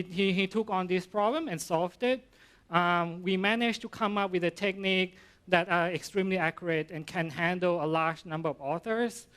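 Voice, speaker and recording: His voice is high-pitched, clear, and resonant, with a fairly bright quality. He's a middle-aged Thai university professor presenting informally at a conference in accented English, pausing often, restarting, and leaning on fillers.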